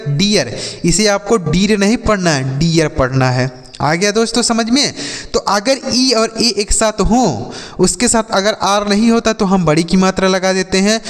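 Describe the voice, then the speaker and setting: A man's voice: high voice, big-room sound. A man teaching English pronunciation in a Hindi lesson, asking questions and answering them himself.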